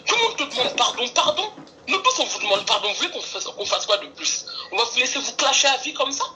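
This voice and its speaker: A woman speaks on a call into a live stream, her voice bright and sharp-edged. She talks earnestly and keeps pleading for calm. A faint hiss sits under her voice. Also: on the high side, quick pace, poor audio. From France. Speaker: caller.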